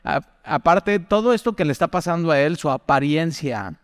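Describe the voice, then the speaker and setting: A man's voice: a little high, expressive, moderate pace, clear, resonant tone, no room sound, clean studio sound, big-room sound. A man teaching from the Bible in a chatty way, putting direct questions to the listener and telling personal stories.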